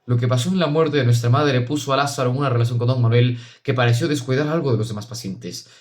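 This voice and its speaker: Solemn male audiobook narrator, mid-pitched. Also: fast, darkish tone.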